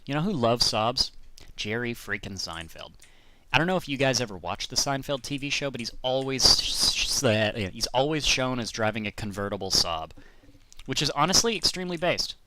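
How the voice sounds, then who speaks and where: A man streams a driving game with casual commentary, joking at his own expense in rambling stories told to viewers. His medium-pitched voice is expressive and sharp at a normal speed, with slight background noise.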